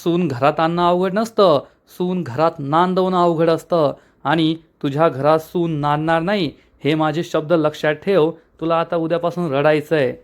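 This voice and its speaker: A man voicing an angry, middle-aged aunt who scolds and taunts her family in a sharp tone. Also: low-pitched, steady tone, moderate pace, hardly any pauses, close to an everyday voice.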